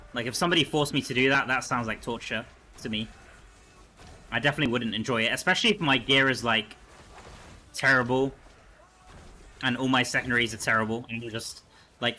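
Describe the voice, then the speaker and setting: Bright-voiced male game streamer. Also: mid-range voice, slight background noise. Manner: thinks aloud while answering chat. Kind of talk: casual livestream chat.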